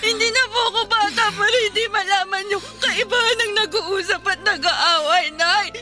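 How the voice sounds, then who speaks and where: A frightened, crying teenage daughter in a radio drama, politely begging her parents to stop fighting. The voice is very high and youthful, with music clearly audible behind it. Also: steady tone, moderate pace. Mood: crying, pleading.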